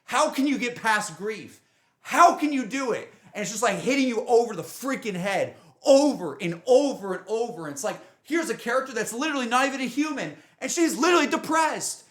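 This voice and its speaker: Extremely high-pitched and a bit bright, a man's voice with lively intonation moves at a brisk pace as he livestreams. The game streamer chats casually and emotionally about games, earnest and emphatic, rambling and often returning to the same points.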